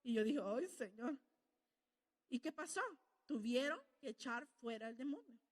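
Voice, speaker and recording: A woman's voice: fairly high pitch, normal speed, big-room sound. A woman preaching a sermon, telling stories and asking the congregation questions she answers herself. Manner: storytelling, asks the congregation questions and answers them.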